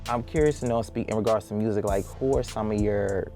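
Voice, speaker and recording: A man's voice: on the low side, fairly even intonation, fairly quick, dark tone, soft background music. Easygoing male interview host. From Panama. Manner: easygoing, rambling questions with "you know" fillers. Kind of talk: casual interview questions.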